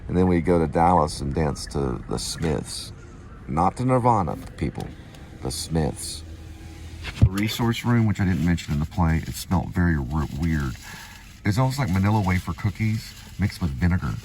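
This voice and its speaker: Deep and slightly mellow, a middle-aged vlogger who also writes plays as an amateur rambles casually through his recollections, laying out details plainly. There's noise behind him as he talks.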